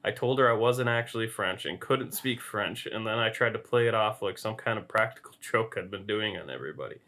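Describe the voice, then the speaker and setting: A man's voice: on the low side, sharp tone. A man co-hosting a podcast, reading a story aloud and laughing now and then as he reads. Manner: amused, laughs while reading. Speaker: podcast co-host.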